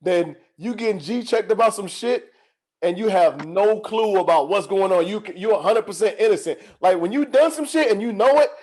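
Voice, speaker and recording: High-voiced emphatic man on a podcast. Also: expressive, normal speed, darkish tone. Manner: emphatic, repeats his point. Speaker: podcast co-host. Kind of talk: casual chat.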